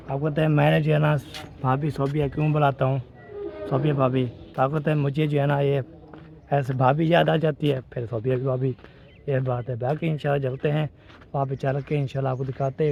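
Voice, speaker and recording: Over a noisy background, a man with a medium-pitched voice and some vocal fry vlogs to his phone as he walks through hot village fields. The family vlog is casual and rambling, with filler phrases repeated throughout.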